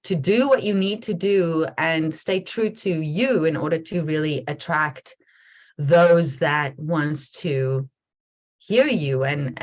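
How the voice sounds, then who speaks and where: A woman with a fairly low voice hosts a casual conversation over a video call. She talks in a reflective, halting way and often restarts her sentences. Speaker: podcast host.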